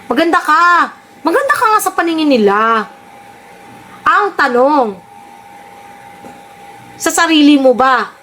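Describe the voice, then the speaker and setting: A woman's voice: high-pitched, sing-song, slow, long pauses, sharp tone, slight background noise. A woman giving mocking, sarcastic reaction commentary on clips, often teasing and laughing.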